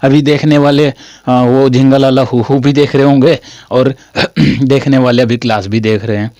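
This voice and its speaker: A man's voice: mid-range voice, fairly even intonation, moderate pace, darkish tone, no room sound. A young man from Haryana teaching a classroom-style lesson in a chatty way, repeating his phrases and calling listeners "brother". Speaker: English teacher.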